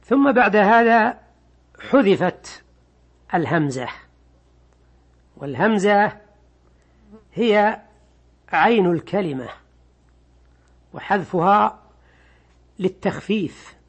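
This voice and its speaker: A man teaching an Arabic grammar lesson, explaining slowly and repeating key words. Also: high-pitched, lively intonation, husky. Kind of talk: classroom lesson on grammar and Quran readings.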